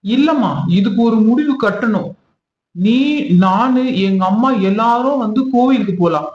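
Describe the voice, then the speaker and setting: A man's voice: very high-pitched, moderate pace, a little mellow. Guy doing a sweet pushy husband, pet names all the time, dull echoey sound. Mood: coaxing. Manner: fond, coaxing, calls her pet names. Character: doting husband, affectionate, pushy about family. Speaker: husband in a domestic skit. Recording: echoey, dull room recording.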